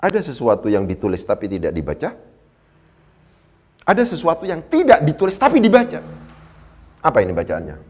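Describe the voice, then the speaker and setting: A man teaching Quran Arabic grammar in a lecture, animated, asking his listeners rhetorical questions and reciting verses slowly. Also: medium pitch.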